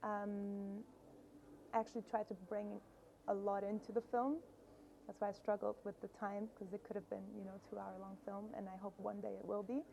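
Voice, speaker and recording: A woman from Brazil with a mellow, gravelly voice speaks in an even, level tone. She answers a festival interviewer thoughtfully, pausing often as she gathers her thoughts. Faint ambience sits behind her. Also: mid-range voice, slight background noise, rough recording. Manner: thoughtful, with frequent pauses and fillers. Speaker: filmmaker guest. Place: film festival in Brussels.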